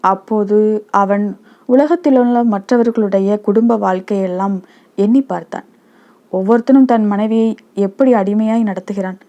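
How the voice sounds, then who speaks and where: A woman narrating a short story as a storyteller, in a calm, measured reading. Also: mid-range voice, dull audio.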